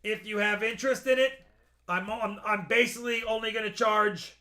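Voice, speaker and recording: A man hosting a casual live-stream auction, pitching items to buyers and repeating the details as he goes. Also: steady tone, normal speed, pushed and bright. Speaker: host selling coins by live auction.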